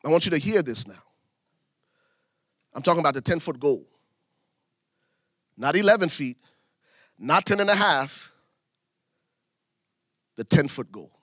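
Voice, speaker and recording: A middle-aged preacher from Liberia delivers his sermon in a bright, forceful voice that sits a little high for a man. He leans on repetition, swinging his pitch and volume widely to drive each point home. The sound is close and dry. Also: lively intonation, a little slow, pauses often, dry recording. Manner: preaching with big swings in pitch and volume, repeating phrases for emphasis. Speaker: pastor.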